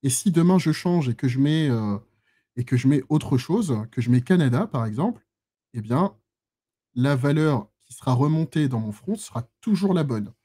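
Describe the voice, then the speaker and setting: Guy running a live database class, dark slightly husky voice, lots of euhs and restarts, jokes at himself. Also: mid-range voice, lively intonation, moderate pace. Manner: chatty, self-teasing, many fillers and restarts. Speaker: instructor. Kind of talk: live-streamed database lesson. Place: lives in Switzerland.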